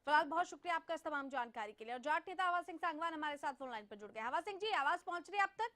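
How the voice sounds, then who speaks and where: A high-voiced woman anchoring a studio news show. Her tone is bright and crisp, and she poses long questions in a measured, formal way. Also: lively intonation.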